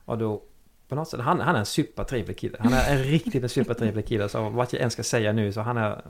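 A man speaks in casual conversation at a middle pitch, halting and restarting as he hunts for words. He repeats himself often but keeps a calm, even tone. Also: gravelly. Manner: hesitant, repeats words, searches for words. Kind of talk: casual chat.

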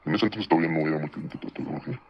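A man with a Mexican accent telling a personal story in casual podcast chat, speaking rapidly and conversationally. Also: extremely low pitch, husky, highs cut off. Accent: Mexican Spanish. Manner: rapid, conversational, slips into voices for quoted people.

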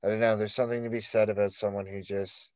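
A man's voice: on the low side, level tone, quick pace, darkish tone, dry recording. A man co-hosting a casual podcast, rambling through a story with constant "like" fillers and plenty of swearing. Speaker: podcast co-host.

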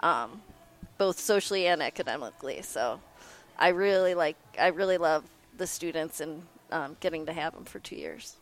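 A woman's voice: low voice, moderate pace, few pauses. A middle-aged Midwestern woman, a teacher, chatting casually and easily as a podcast guest. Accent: Midwestern American. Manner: friendly, laughing easily, thoughtful.

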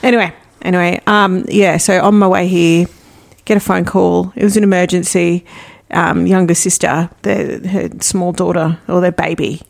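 A woman's voice: on the low side, flat delivery, moderate pace, vocal fry, few pauses. A woman, co-hosting a podcast and telling a rambling anecdote in casual chat, swearing freely. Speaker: podcast co-host.

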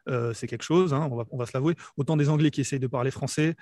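Casting: quick, hesitant male reporter from southern France, dry close sound. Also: medium pitch, darkish tone, no room sound. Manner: hesitant, many fillers and restarts. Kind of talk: casual podcast chat.

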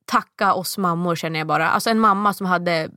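A woman in her thirties telling a long story in casual chat, acting out the quotes in a much higher voice. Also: pushed and bright, dry recording, clean studio sound.

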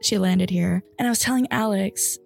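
A woman's voice: medium pitch, brisk, creaky, a little mellow, soft background music. A young woman hosting a casual podcast chat, bubbly and full of fillers. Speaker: podcast host.

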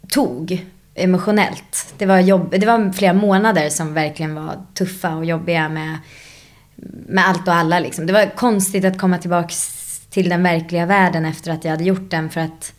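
A woman actress in a casual interview, reflective and animated as she tells stories, dropping in English phrases. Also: lowish voice. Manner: drops English phrases into her speech. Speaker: actress guest.

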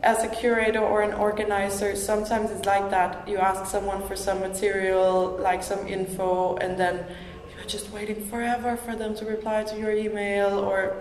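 A woman's voice: mid-range voice, little pitch movement, normal speed, few pauses, darkish tone, slight background noise. A woman from Denmark hosting a podcast interview, talking casually in a chatty way with many "like" fillers inside a gallery exhibition room. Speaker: podcast host. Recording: echoey gallery room with long reverb.

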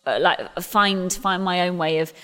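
An English musical theatre actress in her thirties talks chattily about her career in an interview conversation, often restarting and laughing at herself in a self-deprecating way. Her lowish voice is steady, sharp and clean at normal speed. The recording has a big-room sound with soft background music.

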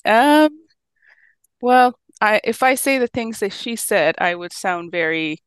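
A woman's voice: medium pitch, expressive, takes it slowly, smooth, no echo. A woman in her thirties from Pakistan, a physician guest telling her story in a friendly way and laughing easily. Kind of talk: casual interview talk.

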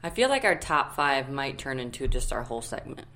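A woman's voice: extremely low pitch, very animated, pushed and bright. Playful woman co-hosting a casual podcast. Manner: playful, quick short replies. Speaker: podcast co-host. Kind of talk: casual chat.

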